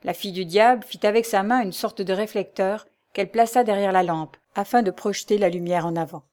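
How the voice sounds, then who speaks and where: Woman reader, classic novel narration, even and dramatic. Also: medium pitch. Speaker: audiobook reader.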